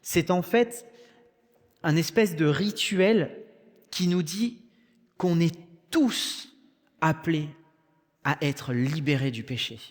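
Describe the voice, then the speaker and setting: A man's voice: on the high side, slow pace, pauses often. A young man with a French accent preaching a sermon in a conversational way, with joking asides. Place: church hall. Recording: long church reverb.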